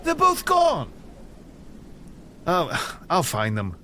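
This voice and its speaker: A noble king in an audio drama, authoritative yet kindly. The delivery is expressive and wide-ranging, over faint ambient noise. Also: high voice, heavily acted. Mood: alarmed. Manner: measured, commanding, reassuring.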